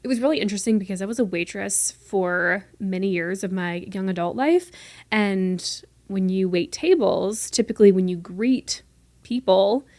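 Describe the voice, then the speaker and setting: This podcast host's voice is medium-pitched and darkish, without room sound. A North Carolina woman in her twenties, she chats fast and playfully on her casual solo show from her room, her neutral American accent giving way to a light Southern lilt at moments.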